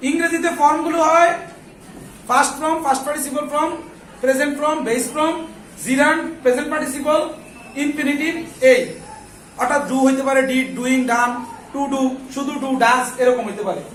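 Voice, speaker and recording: High-pitched man teaching in an echoey classroom. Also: steady tone, a little fast, a bit bright, distant mic, slight background noise. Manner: questions the class and answers himself; scolds students who chat. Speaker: English teacher. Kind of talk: classroom grammar lesson.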